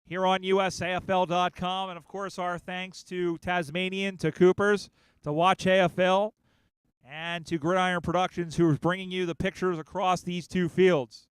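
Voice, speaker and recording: Man, sports commentator, live play-by-play, slightly high voice, close dry mic. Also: smooth, dry recording. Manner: rapid play-by-play, rising excitement on big plays. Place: outdoor sports field.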